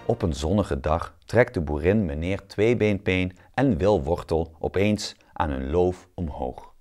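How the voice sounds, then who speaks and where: A man narrating a children's picture book in a read-aloud style. His voice sits a little low, and he tells the story calmly and clearly for young listeners. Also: unhurried, faint music behind.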